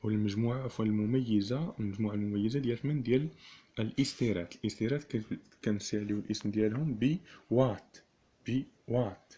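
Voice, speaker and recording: Slow, repetitive Moroccan man teaching. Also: on the low side, warm tone, husky. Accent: Moroccan Arabic. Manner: repeats each term slowly, asks rhetorical questions. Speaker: chemistry teacher. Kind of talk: classroom lesson explaining notation.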